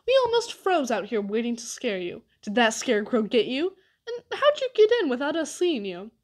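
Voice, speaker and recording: A woman's voice: a little high, wildly swooping pitch, moderate pace, a little mellow. A woman reading aloud, voicing a bossy, impatient young boy who talks demandingly.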